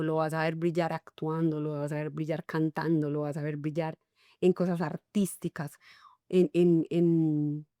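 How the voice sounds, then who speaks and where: A middle-aged woman with a Colombian paisa accent, an enneagram coach appearing as a guest, speaks in a low voice during a conversational interview. She is animated and expressive, acting out little dialogues. The recording is dry and studio quality.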